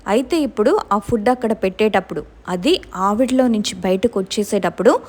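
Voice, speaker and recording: A woman's voice: medium pitch, lively intonation, brisk, darkish tone. Young woman telling a true horror story. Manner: conversational, mixes English words into her speech. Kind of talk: casual first-person horror story.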